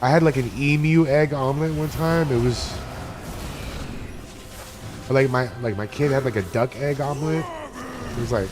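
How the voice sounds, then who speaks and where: A medium-pitched man from Miami, USA, speaks at normal speed and pauses often during casual, profane live-stream chat as he plays. He jumps between topics, with game music and background noise behind him.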